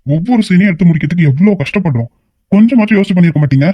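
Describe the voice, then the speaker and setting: A man voicing a stern, quick-tempered male shoot manager in an animated short, firing off exasperated questions. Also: high voice, husky, no echo, muffled recording. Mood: scolding. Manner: rapid, scolding, exasperated questions. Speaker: shoot manager scolding staff. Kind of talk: Tamil animated short voice acting.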